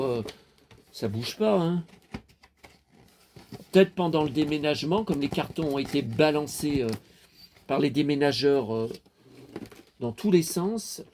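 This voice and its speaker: Speaking directly to the audience, this man shows off his toys in a loose, rambling, chatty way. His voice is a little high and darkish, with a faint hiss or hum in the recording.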